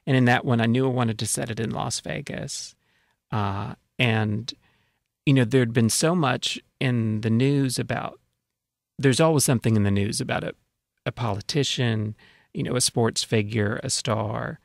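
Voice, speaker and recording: A man's voice: medium pitch, normal speed, creaky, no echo, studio quality. A man talking casually as an author being interviewed on public radio, explaining things with frequent conversational filler phrases. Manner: explanatory, peppers talk with "you know".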